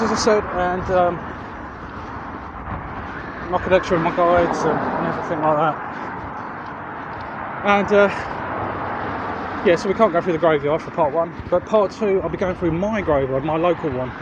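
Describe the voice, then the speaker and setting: A male walking vlogger with a southeast English accent and a high-pitched voice chats to camera in a rambling, hesitant way as he walks along roads outdoors. He uses a handheld external mic, but the street audio is muffled and traffic noise is loud.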